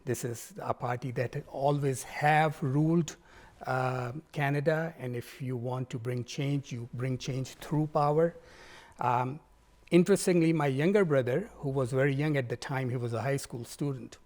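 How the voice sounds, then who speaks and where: A man, answering interview questions in a measured, formal way as a political candidate. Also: mid-range voice, steady tone, a little mellow. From Pakistan.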